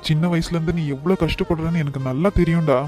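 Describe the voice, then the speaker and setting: A man voicing a worried, affectionate father in a cartoon, talking to his daughter in a soft, pleading way. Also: fairly high pitch, steady tone, fast talker, soft background music, close to an everyday voice. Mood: tender.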